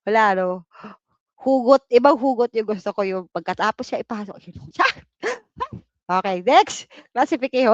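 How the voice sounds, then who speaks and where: A woman from the Philippines giving a live online review lecture, mixing English terms into her talk and tossing in teasing jokes and quick "just kidding" asides. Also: on the high side, no room sound, muffled recording. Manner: playful, cracks teasing jokes and "charot" asides; mixes English terms into Tagalog. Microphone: computer mic on a livestream.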